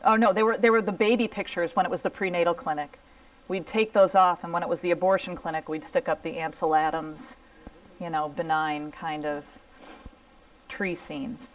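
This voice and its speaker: A woman's voice: fairly low pitch, steady tone, normal speed, distant mic, rough recording. A middle-aged woman giving an earnest personal testimony talk, acting out the dialogue as she tells the story. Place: lecture room.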